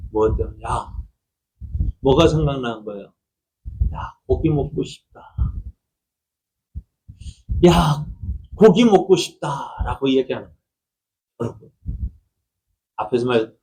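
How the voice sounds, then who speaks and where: A man's voice: medium pitch, darkish tone, low-quality recording. A middle-aged man preaching a Sunday sermon. He talks conversationally, keeps asking the congregation questions, and acts out quoted speech in a raised voice. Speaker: pastor.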